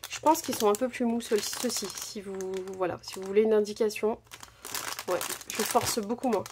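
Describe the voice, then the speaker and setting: A woman's voice: medium pitch, fairly even intonation, moderate pace, noisy background. A woman, casually showing her craft purchases in a haul vlog, chatty, with many fillers and self-corrections. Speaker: crafting channel host. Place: home craft desk.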